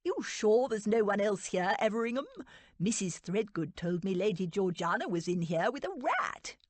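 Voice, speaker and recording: A woman narrator voicing an eager, pompous young lord in a romance audiobook, calling out loudly and fussily. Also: mid-range voice, expressive, normal speed, dry recording, natural voice.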